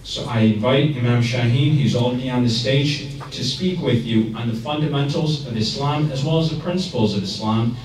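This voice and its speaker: A man emcees an event, reading a speaker's background in a plain, steady voice of ordinary pitch. He stands a little off the mic. The big room throws back a strong echo. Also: normal speed. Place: large hall indoors. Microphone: stand mic at a lectern. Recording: echoey hall, from a distance.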